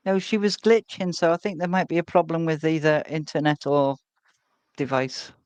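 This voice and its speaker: A man's voice: a little high, fairly even intonation, moderate pace, darkish tone, clean tone, dry recording. A British man in casual chat, making dry joking asides. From Britain.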